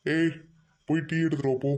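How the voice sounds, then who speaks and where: A man voicing a bossy, drunken cartoon husband who barks orders gruffly. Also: fairly high pitch, level tone, a little fast, a little mellow, close to an everyday voice. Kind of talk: cartoon voice acting.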